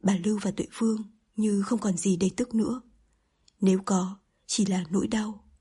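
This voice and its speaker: A woman reading a novel aloud as an audiobook narrator, in calm scripted narration. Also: mid-range voice, moderate pace, breathy edge.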